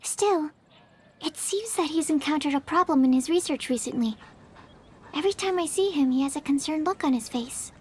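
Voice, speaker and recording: A woman with a high voice and lively intonation voices a shy, nervous young alchemy assistant in a video game, sounding timid and apologetic. She speaks at a moderate pace in cutscene dialogue, with game music behind her and a little hiss or hum.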